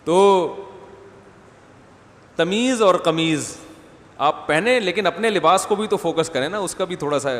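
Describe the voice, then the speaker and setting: A man's voice: high-pitched, lively intonation, pauses often, fairly bright tone. A man giving a conversational religious lecture to a gathering, slipping in humorous asides and asking the audience questions. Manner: humorous wordplay. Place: mosque gathering after night prayers. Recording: long hall reverb, faint background noise.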